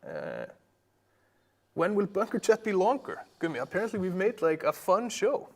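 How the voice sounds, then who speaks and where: Gravelly-voiced young man from Iceland, casual host, fillers and restarts, slightly high pitch. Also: wildly swooping pitch, moderate pace. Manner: rambling, frequent fillers and restarts. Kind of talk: casual live-stream Q&A chat.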